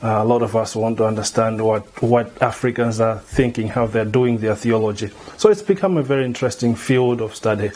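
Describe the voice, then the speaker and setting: A middle-aged man from Malawi, a theology lecturer, answering interview questions in a measured way, often repeating words as he thinks. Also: on the low side, darkish tone. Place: indoor room before a banner.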